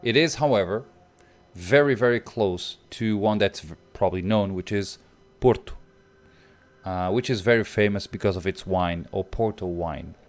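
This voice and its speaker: With faint music behind him, the young Portuguese man works through a strategy game live, his Portuguese accent evident as he chats with viewers. He speaks in a lowish voice at a moderate pace.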